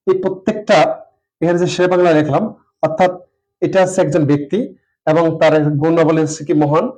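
A male teacher explains a grammar lesson step by step, pausing often and speaking his example sentences aloud as he writes them. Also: fairly high pitch, darkish tone, poor audio.

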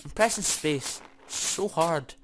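Male let's-player, sweary and jumpy, slow talker, hissy noisy mic. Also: a little high. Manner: excitable, swears, mutters to himself. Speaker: gaming YouTuber. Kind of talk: casual let's-play commentary.

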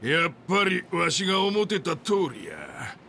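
A man playing a scornful, domineering middle-aged yakuza boss in a video game, with a Kansai accent and a gravelly, mocking, bullying delivery. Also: sits high, wildly swooping pitch, measured pace, bright, forceful tone, a little hiss or hum, exaggerated voice. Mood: scornful, goading. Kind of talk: dramatic video game acting.

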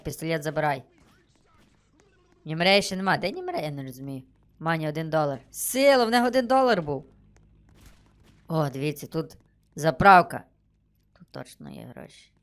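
A man giving excitable, chatty commentary while he plays a video game and thinks aloud. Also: high voice. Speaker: gaming streamer. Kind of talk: casual gameplay commentary.

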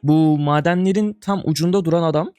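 A man's voice: fairly high pitch, fairly quick, a little mellow, smooth, dry recording, soft background music. A young man giving casual commentary while playing an online game, exasperated and groaning, calling viewers brother and buddy. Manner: exasperated, groaning and swearing under breath. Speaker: gaming streamer.

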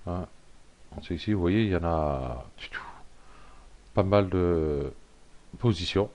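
Deep-voiced man rambling through a tutorial. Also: slow, a little mellow. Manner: rambling, thinks aloud with many fillers and "hop"; self-deprecating asides. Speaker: software tutorial presenter. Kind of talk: casual screen-recorded tutorial.

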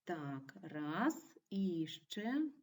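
A woman teaching a primary school video lesson, giving clear and encouraging instructions to young children. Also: fairly low pitch, very animated, very slow, a little mellow, recorded from a distance. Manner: clear, encouraging classroom delivery.

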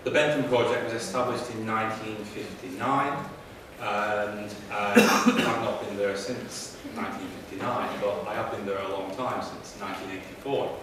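Speaking on a conference panel, a professor with a voice on the low side hesitates often, filling gaps with ums and starting sentences over. He holds a handheld mic while seated at the panel table, but he sounds far from the recording mic. A crowd is audible in the background of the noisy, echoing room.

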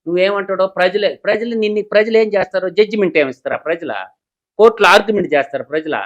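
Fiery high-voiced male political analyst. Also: muffled recording. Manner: combative, rapid rhetorical questions. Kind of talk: heated political commentary.

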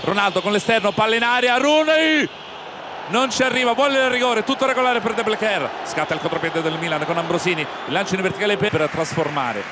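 Breathless high-pitched male football commentator. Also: background noise. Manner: breathless, excitable, drawn-out shouts on shots and goals. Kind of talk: live play-by-play football commentary. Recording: broadcast mix with very loud stadium crowd. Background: roaring stadium crowd.

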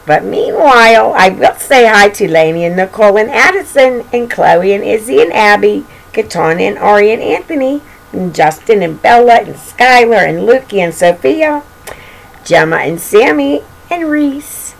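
An older woman reads a picture book aloud to young children in a bedroom at home, adding chatty, playful, singsong asides. Her mid-range voice is creaky with lively intonation at a normal speed, and the recording quality is low. She is a children's storybook reader and show host.

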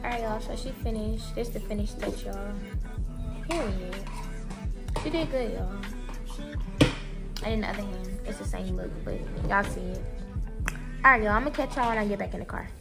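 A woman's voice: mid-range voice, normal speed, vocal fry, long pauses, over loud music. A teenage girl vlogging casually to the camera. She is chatty and keeps calling her viewers "y'all.". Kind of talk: casual vlog talk to camera.

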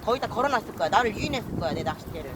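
A man vlogging while he fishes outdoors. He mutters apologies to the viewers, then breaks into loud, frustrated outbursts. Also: high-pitched, animated, racing. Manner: self-mocking, swings between mumbled apologies and loud frustrated outbursts. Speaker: fishing vlogger. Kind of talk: casual solo vlog narration. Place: outdoors by the water. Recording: noisy outdoor recording.

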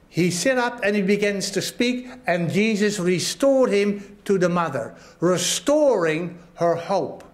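A pastor preaching a sermon, earnest, often repeating phrases and asking his listeners if they understand. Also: high-pitched. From Australia. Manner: earnest, repeats phrases, asks the congregation questions.

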